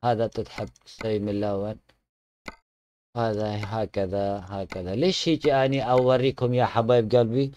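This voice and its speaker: A man's voice: on the low side, fairly even intonation, moderate pace, mellow, no echo, dull audio. A man with an Iraqi Arabic accent giving casual game tutorial commentary, chatty and fond with viewers, often restarting his words. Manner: chatty, addresses viewers fondly, frequent restarts. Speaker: gaming channel host showing a truck mod.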